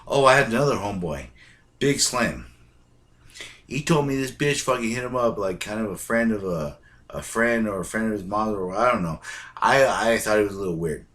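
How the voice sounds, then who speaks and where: A man with a somewhat low voice delivers a profane, ranting monologue straight to his audience. He talks bluntly and swears constantly. He punches his points home with emphatic bursts. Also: animated, a little fast, fairly bright tone. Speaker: vlogger.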